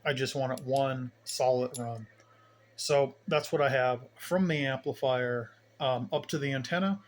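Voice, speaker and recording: In a home video with clear background noise, a hobbyist radio operator casually tours his station at his indoor bench, rambling and thinking aloud in folksy fashion. He speaks at a medium pitch and an unhurried pace.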